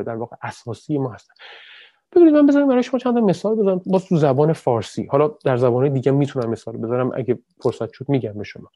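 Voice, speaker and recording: Male lecturer, lively and direct with listeners, fillers and restarts; mellow timbre, dry recording. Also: medium pitch, no room sound. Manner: animated, addresses listeners directly with many examples; frequent fillers and self-corrections. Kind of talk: explanatory talk on language and emotion.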